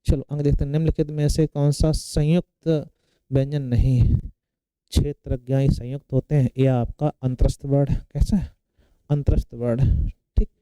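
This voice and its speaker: A man's voice: mid-range voice, flat delivery, moderate pace, dark tone, smooth, dry recording, rough recording. A man teaching grammar for an exam, asking questions and answering them himself, repeating the key terms. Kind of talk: exam-prep lecture.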